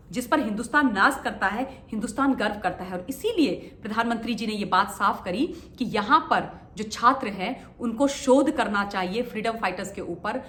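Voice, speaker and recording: A woman's voice: medium pitch, fairly bright tone, reverberant, slight background noise. A woman giving impassioned political commentary, emphatic and repeating phrases for stress, often asking rhetorical questions.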